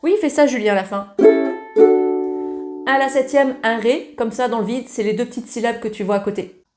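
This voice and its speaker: High-voiced woman teaching ukulele. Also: moderate pace, over loud music. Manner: chatty, familiar, sings the lyrics while strumming. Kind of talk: casual ukulele tutorial. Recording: loud ukulele playing along.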